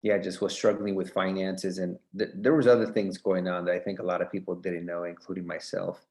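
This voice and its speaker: In a casual podcast interview, a thirties-aged man who coaches real estate talks earnestly and uses lots of fillers. He speaks a little fast in a low, level, darkish voice, recorded with roomy echo.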